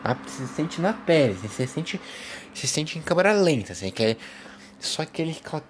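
A man's voice: a little high, a little fast, slight background noise. A young Brazilian man hosting a casual talk show, rambling between topics and jumping into mock narrator voices. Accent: Brazilian Portuguese. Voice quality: animated, jumps into loud mock narrating voices. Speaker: host of a casual talk program. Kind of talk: rambling casual chat with impressions.

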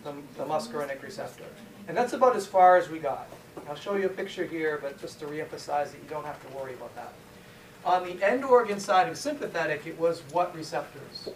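A man's voice: fairly high pitch, animated, fairly quick, far from the mic. Man lecturing in an echoey hall. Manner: asks questions then answers them. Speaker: pharmacology lecturer. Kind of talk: classroom lecture with questions to students. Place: lecture room. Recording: echoey room, voice from afar, faint hiss.

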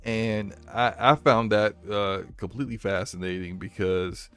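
Male podcast host, fairly low voice, casual and animated, faint music underneath. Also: a little slow, clean tone. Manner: animated, laughing, many restarts. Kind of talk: casual gaming news chat.

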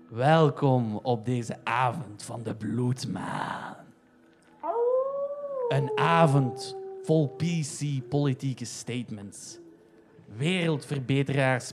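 A man voicing a pompous male hipster cult leader who speaks slowly and grandly, with cackling laughs. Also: mid-range voice, noisy background. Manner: slow, drawn-out, grandiose speech with cackling laughs.

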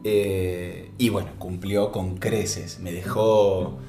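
A man in his thirties with an Argentine accent, a voice actor talking in a relaxed interview, reflective and often restarting his sentences. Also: sits low. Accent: Argentine Spanish. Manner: reflective, halting with many restarts. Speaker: voice actor guest. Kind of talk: casual interview chat. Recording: echoey room with faint music.

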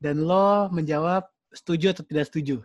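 A woman's voice: low-pitched, a little fast, a little mellow, no room sound, muffled recording. Young female host, Jakarta accent, informal slang, conversational questioning, very dry recording. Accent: Jakarta Indonesian. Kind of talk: casual interview chat.

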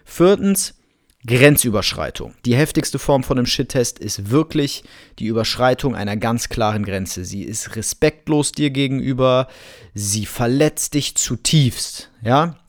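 A man who works as a relationship coach, giving advice to men in a calm, direct podcast monologue and often acting out sample lines of dialogue. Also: mid-range voice, measured pace.

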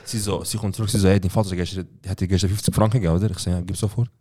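A man's voice: low-pitched, very fast. A young man with a Swiss German accent, a podcast co-host, telling a story in casual chat and acting out what everyone said. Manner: animated, quotes people with "ich so" and acts out their lines.

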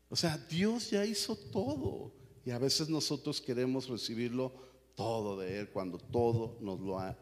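A man, preaching a sermon as the pastor of a church, at times rising to shouts. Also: mid-range voice, long reverb tail. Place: church hall.

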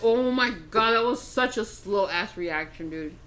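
Brief: young woman, high, giggly and rambling, bright lively voice, faint noise behind. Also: unhurried. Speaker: vlogger. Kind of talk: casual chat.

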